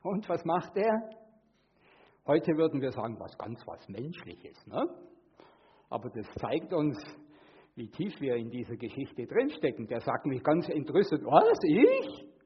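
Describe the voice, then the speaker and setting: A man preaching a sermon, earnest, moving between hushed and emphatic delivery. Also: big pitch swings, measured pace, long pauses, breathy edge, highs cut off. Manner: acts out quoted voices with sudden high pitch.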